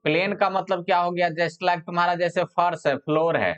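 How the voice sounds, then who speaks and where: Man dictating a physics lesson slowly. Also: high-pitched, fairly even intonation, fairly bright tone, clean tone. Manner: explains step by step, repeats words slowly when dictating. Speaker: physics teacher. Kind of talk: classroom lecture with dictation. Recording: dull lo-fi sound.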